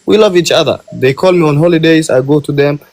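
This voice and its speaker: Halting man born in Ethiopia. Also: a little high, gravelly, a little mellow, no room sound, rough recording. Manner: halting, repeats words when interrupted. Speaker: caller. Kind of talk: debate.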